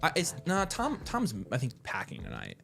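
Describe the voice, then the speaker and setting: A man co-hosting a casual livestream, chatting excitably with quick asides and frequent restarts. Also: mid-range voice, vocal fry, faint music behind. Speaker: livestream co-host.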